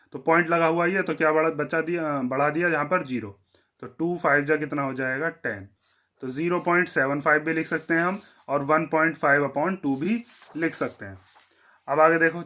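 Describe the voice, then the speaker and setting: An Indian man with a fairly bright tone walks through a maths lesson step by step. He poses questions and answers them himself, his voice dropping low on the one-word answers.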